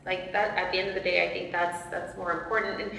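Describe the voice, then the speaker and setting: Panel guest, woman, bright voice, candid storyteller, echoey reverberant room. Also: on the low side, little pitch movement, quick pace, creaky, a little hiss or hum. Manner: emotional, candid, faith-minded. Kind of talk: casual storytelling.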